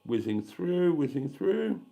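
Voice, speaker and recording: A man's voice: a little high, very animated, slow pace, creaky, dark tone. Blunt, sweary man in his fifties. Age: 50s. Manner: blunt, candid and sweary, rambling asides. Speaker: livestream host. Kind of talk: casual live-stream chat reading comments.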